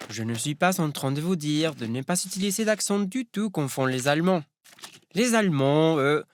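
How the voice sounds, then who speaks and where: A man's voice: fairly high pitch, fairly bright tone, slight background noise. A man from Spain whose first language is Spanish, giving a wry, teasing scripted narration.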